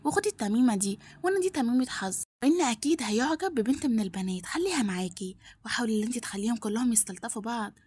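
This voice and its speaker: A woman's voice: on the high side, expressive, racing, darkish tone, slightly rough. A woman with an Egyptian accent voicing a scheming wealthy mother who coaxes and instructs her maid. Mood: coaxing. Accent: Egyptian Arabic.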